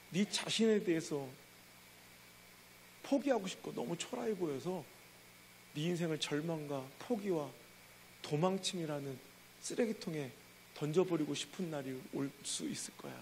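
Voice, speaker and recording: A patient father, as a preacher plays him, speaks in a low, calm and tender way. The voice is gravelly but soft and steady. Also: measured pace, long pauses, slight background noise, rough recording. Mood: gentle.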